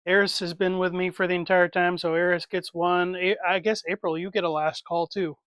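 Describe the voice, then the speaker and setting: Swapping parts on figures during a relaxed livestream, this male host chats and mutters to himself as he goes. His high voice is flat, smooth, fairly bright and a little fast, recorded cleanly in a studio without echo.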